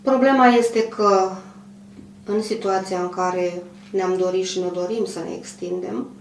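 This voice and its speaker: A woman in her fifties who runs a clothing manufacturer, answering an interview in a measured, hesitant way with many pauses. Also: medium pitch, steady tone. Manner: measured, hesitant, frequent pauses and throat clearing. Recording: roomy, distant mic, faint hum.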